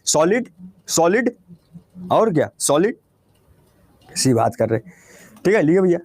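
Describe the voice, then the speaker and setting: A man's voice: a little high, sing-song, unhurried, darkish tone, dry recording. A man with a Bihari Hindi accent teaching a class, who keeps asking questions and answering them himself. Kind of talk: classroom lecture.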